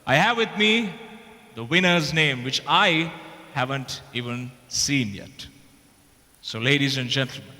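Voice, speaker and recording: A man hosting a beauty pageant on stage, announcing with a dramatic, drawn-out build-up. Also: mid-range voice, expressive, bright, forceful tone. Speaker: pageant host. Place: large event hall stage. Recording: reverberant hall, crowd noise.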